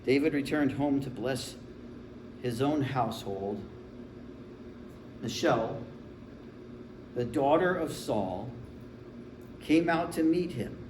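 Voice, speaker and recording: A man's voice: mid-range voice, animated, slow, pauses often, background noise. Storytelling male pastor in an echoey church. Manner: conversational, humorous storytelling. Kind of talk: sermon. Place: church sanctuary. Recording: echoey room with faint ambience.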